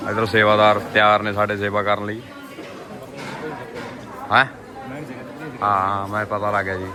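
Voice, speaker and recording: In a village vlog, a man with a Punjabi accent chats casually, playfully teasing the friends and children around him. His voice is fairly low, monotone and unhurried, with a crowd in the background.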